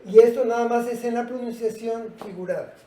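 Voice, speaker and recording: Teacher, patient, warm mellow tone, recorded from a distance. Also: medium pitch, fairly even intonation, fairly quick. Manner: patient, asks the class rhetorical questions. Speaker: English teacher. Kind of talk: classroom lesson. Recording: roomy, from a distance.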